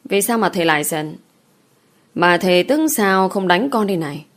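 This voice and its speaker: Defiant young village daughter, sharp retorts, lowish voice, read by a woman. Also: lively intonation, normal speed, close to an everyday voice. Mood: pleading.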